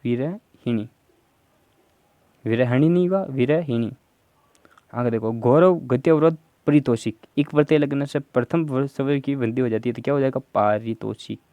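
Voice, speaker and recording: A man's voice: mid-range voice, brisk, hardly any pauses, mellow, no room sound. A man teaching Hindi grammar for an exam, going through answer options step by step and prompting viewers to answer. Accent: Rajasthani. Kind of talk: exam prep lesson.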